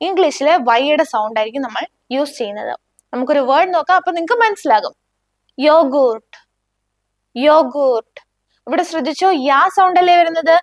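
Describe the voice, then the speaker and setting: Woman teaching german, says every word twice real slow and clear. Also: sits high, no echo, studio quality. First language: Malayalam. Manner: slow, clear, repeats each word for the learner. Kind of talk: beginner language lesson.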